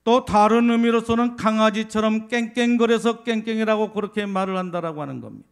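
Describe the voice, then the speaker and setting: A male pastor from the Jeolla region preaching a sermon, firing rhetorical questions at the congregation and swelling louder on key points. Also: high voice, fairly quick, smooth. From Jeolla, South Korea.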